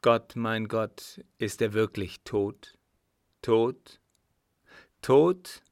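A man's voice: takes it slowly, fairly bright tone, no echo, studio quality. A man reading a storybook voices a young man pleading and sobbing over his dead father. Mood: grief-stricken. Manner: sobbing, pleading, rising in pitch.

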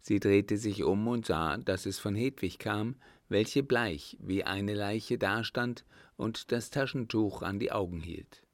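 A man narrating an audiobook of a classic novel in a measured, even storytelling manner. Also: fairly low pitch, no room sound, clean studio sound.

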